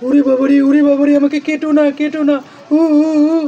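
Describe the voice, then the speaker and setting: A woman's voice: sits high, level tone, fairly quick, dark tone, lo-fi sound, slight background noise, voice pushed down. A woman voicing a crying, pleading talking coconut that begs not to be cut. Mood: pleading, sobbing. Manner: whimpering and begging.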